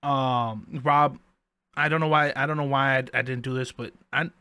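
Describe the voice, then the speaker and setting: A man's voice: medium pitch, steady tone, normal speed, sharp tone, smooth, no echo. A man hosting a casual chat show, rambling and repeating himself, with playful mock excuses. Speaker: podcast host.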